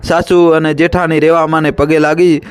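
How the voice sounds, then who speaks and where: A man reading a village story aloud as narrator, in a steady, measured way. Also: fairly high pitch, clear, resonant tone, dry recording.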